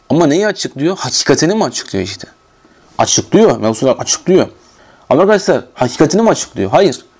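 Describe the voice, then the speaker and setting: A man's voice: mid-range voice, a little mellow. Man teaching a class with questions. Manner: asks the class questions and answers them himself; explains Arabic grammar terms in Turkish, calling the class "friends". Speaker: Arabic grammar teacher. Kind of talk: classroom lecture.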